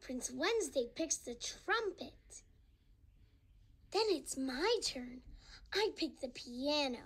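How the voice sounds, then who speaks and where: A young performer voicing a friendly, gentle little boy tiger who narrates a children's read-along storybook in a slow, sing-song way. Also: high voice, animated, exaggerated voice. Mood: gentle, earnest.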